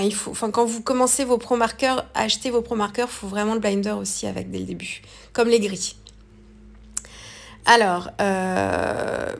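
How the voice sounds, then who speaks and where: A woman talking through a coloring tutorial in a casual, hesitant way, with many fillers and self-corrections. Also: fairly high pitch. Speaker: craft tutorial host. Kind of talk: casual voice-over art tutorial.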